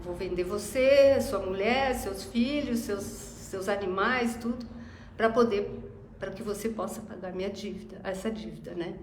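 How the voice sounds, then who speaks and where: A woman's voice: mid-range voice, measured pace, close to an everyday voice. A woman voicing a stern, powerful king while retelling a parable, in an echoey room with faint noise behind. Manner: storytelling quotes.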